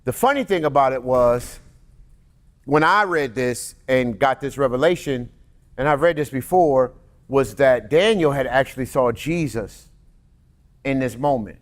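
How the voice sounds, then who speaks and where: A man teaching a sermon in a casual, conversational way, joking with the congregation and reading scripture slowly. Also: medium pitch.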